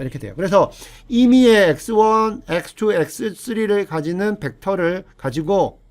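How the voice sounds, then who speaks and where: A man's voice: a little high, a little mellow. A male university professor giving a recorded lecture, explaining step by step and asking the class questions. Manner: explains step by step, often starts with "자"; asks the class rhetorical questions.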